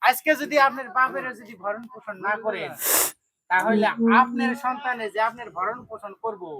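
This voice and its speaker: A man's voice: very high-pitched, normal speed, sharp tone. A man playing a stern bystander who scolds and lectures a son in an amateur street drama. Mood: scolding. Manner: scolding, preachy, emphatic.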